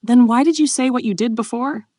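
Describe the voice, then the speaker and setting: A woman's voice: on the high side, fairly quick, warm tone, dry recording, voice pushed up, lightly acted. A woman reading the part of a blunt, earnest young male duke in a plain, raised voice.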